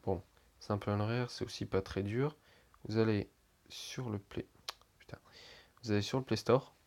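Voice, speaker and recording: A man's voice: fairly low pitch, steady tone, normal speed, darkish tone. A young man giving a casual, rambling phone tutorial, with lots of fillers and offhand swearing. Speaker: tutorial maker. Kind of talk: casual screen-recording tutorial.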